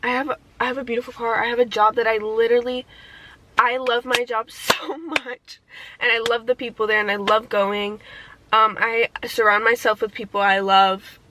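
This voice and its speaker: A woman's voice: a little high, fairly even intonation, moderate pace, background noise. A young woman talking casually and candidly in a year-in-review vlog, reflective and swearing freely, getting teary at times. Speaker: vlogger.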